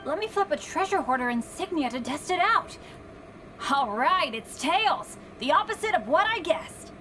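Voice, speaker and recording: Bennett, earnest high-pitched boy. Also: sing-song, moderate pace, bright, forceful tone, slight background noise, full character voice. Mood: upbeat, confident. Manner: boyish, earnest. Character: unlucky teenage boy adventurer, earnest, upbeat, apologetic. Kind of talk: animated video game voice acting. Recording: music underneath.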